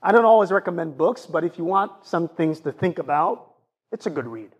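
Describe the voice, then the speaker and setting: High-voiced preacher with a Jamaican accent. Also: male voice, lively intonation, a little fast, husky. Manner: rhetorical questions to the congregation. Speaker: pastor. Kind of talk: sermon.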